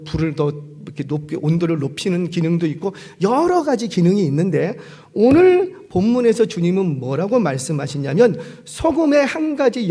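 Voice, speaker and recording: A middle-aged male pastor preaching a sermon, asking the congregation questions and swinging from loud emphatic lines to hushed near-whispers. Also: sits high. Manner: animated call-and-response preaching, asks the congregation questions.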